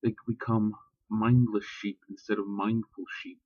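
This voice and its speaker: A man's voice: lowish voice, flat delivery, a little slow, no echo, muffled recording. A man ranting bluntly and profanely in a casual vlog, talking about religion with heat. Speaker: vlogger. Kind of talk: casual spoken rant.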